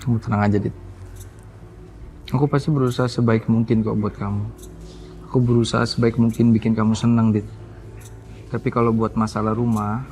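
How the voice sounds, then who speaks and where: An actor in a TV soap playing a husband who speaks in a worried, hushed, reassuring way. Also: male voice, lowish voice, flat delivery, a little fast, pauses often, natural voice.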